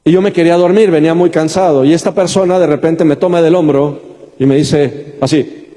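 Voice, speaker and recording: A man's voice: on the high side, fairly even intonation, a little fast, mellow. A man with a Mexican accent preaching a sermon as pastor, telling a story and addressing the congregation directly. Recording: long reverb of a large church.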